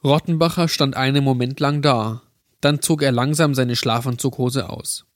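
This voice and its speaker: Ein Mann liest trocken eine Gruselgeschichte vor. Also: male voice, medium pitch, fairly even intonation, moderate pace, no echo, clean studio sound. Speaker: narrator. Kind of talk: scripted horror story reading.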